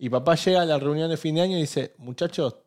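A man's voice: a little high, fast, darkish tone. A man with a Rioplatense Spanish accent co-hosting a podcast, cutting in with blunt, teasing remarks. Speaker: podcast co-host. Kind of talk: casual banter.

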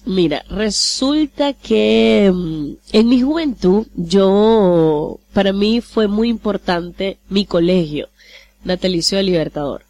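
A woman's voice: medium pitch, expressive, slow, a little mellow. Chatty Maracaibo-accented Venezuelan woman. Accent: Maracaibo Venezuelan Spanish. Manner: chatty, laughs easily, self-deprecating. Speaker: radio host, interview guest. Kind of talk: casual interview chat.

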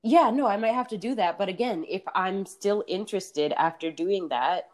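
A woman's voice: mid-range voice, normal speed. A young woman co-hosting a podcast, talking candidly in casual chat, swearing freely and laughing often. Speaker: podcast co-host.

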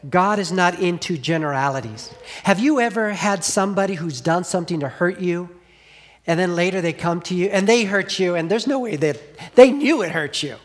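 A man's voice: high-pitched, animated, moderate pace. Earnest male pastor preaching. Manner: earnest, asks the congregation questions, drops to a hush on key lines. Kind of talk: sermon.

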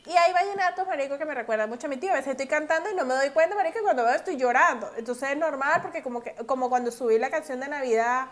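A woman, co-hosting a casual podcast chat and swinging from soft-spoken to loud and dramatic. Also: sits high, animated, racing, hardly any pauses. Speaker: podcast co-host.

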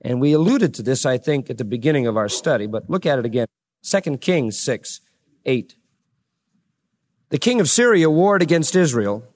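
A man's voice: mid-range voice, animated, darkish tone. A man preaching a sermon, reading scripture aloud with dramatic rising emphasis and plain asides in between. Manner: reads verses with dramatic slowing and rising voice, then chats plainly.

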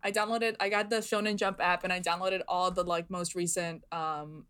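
A woman's voice: on the low side, fairly even intonation, moderate pace, fairly bright tone, clear, resonant tone. A young woman hosting a podcast in casual chat, gushing and laughing often, with casual swearing. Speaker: podcast host.

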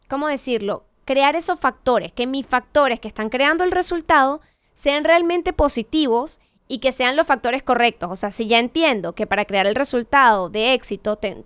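A woman's voice: a little high, a bit bright, clean tone, no echo. A woman giving a conversational motivational talk, asking rhetorical questions and correcting herself as she goes. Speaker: motivational speaker.

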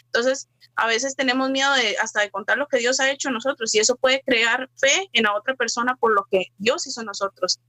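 A woman's voice: a little high, fairly quick, sharp tone, no echo. A woman speaking earnestly in a casual chat about faith, sometimes searching for words.

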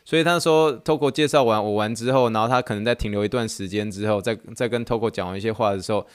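A man from Taiwan, hosting a podcast as a casual, animated monologue and laughing often. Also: lowish voice, fast, smooth, dry recording, studio quality. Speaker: podcast host.

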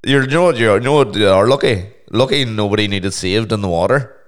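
Male podcast host, Northern Irish, low gravelly hoarse voice, sweary teasing banter. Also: fast talker. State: hoarse with tonsillitis. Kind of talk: casual bantering podcast chat.

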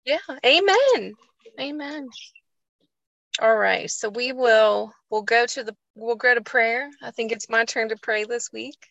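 A woman's voice: fairly high pitch, steady tone, normal speed, creaky, hardly any pauses, fairly bright tone, no room sound, highs cut off. Earnest woman telling a story. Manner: earnest, emotional storytelling, folksy. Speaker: co-host of a faith show. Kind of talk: casual faith chat and storytelling.

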